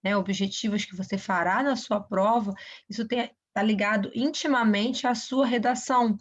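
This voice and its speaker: A woman's voice: medium pitch, steady tone, normal speed. A woman teacher giving a recorded grammar lesson, explaining step by step and often checking in with short questions. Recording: dull lo-fi recording.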